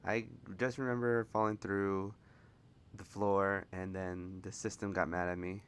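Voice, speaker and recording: A man's voice: deep voice, little pitch movement, a little slow, clean tone. A man doing casual, rambling commentary over video game footage and laughing often. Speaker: gameplay commentator.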